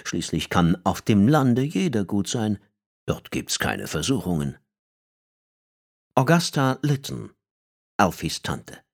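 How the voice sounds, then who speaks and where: A man reading an audiobook in measured, expressive scripted narration. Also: lowish voice, creaky.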